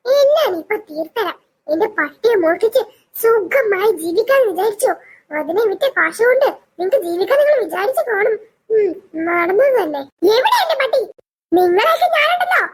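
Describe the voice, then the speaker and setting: A woman's voice: very high-pitched, expressive, normal speed. A woman voicing a scornful, money-minded rich woman in a cartoon. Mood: threatening. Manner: haughty, scornful, threatening. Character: arrogant rich woman who cares only about money. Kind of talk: cartoon voice acting.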